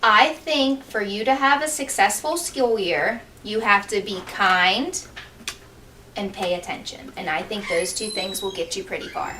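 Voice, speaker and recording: Bright-voiced woman answering interview questions, slightly distant. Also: mid-range voice, a little slow. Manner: encouraging, simply worded answers that echo the question. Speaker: school staff member being interviewed. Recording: distant mic with faint background noise.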